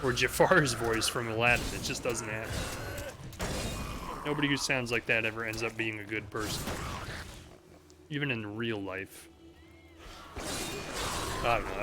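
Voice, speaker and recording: A man giving casual, playful gameplay commentary, chatting away to himself as he hosts. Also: mid-range voice. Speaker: gaming video host. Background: game music.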